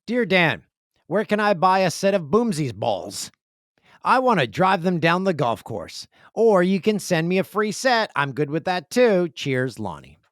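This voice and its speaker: Unhurried and high-pitched, a man hosts a casual podcast on a microphone indoors, in a room with a video setup. He reads listener emails and tells jokey, rambling stories in an animated way, on a dry, studio-quality recording.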